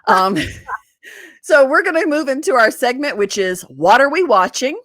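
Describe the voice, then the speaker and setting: A woman's voice: high voice, big pitch swings, a little slow, a bit bright. A woman co-hosting a podcast in casual chat, bubbly and laughing a lot. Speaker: podcast co-host.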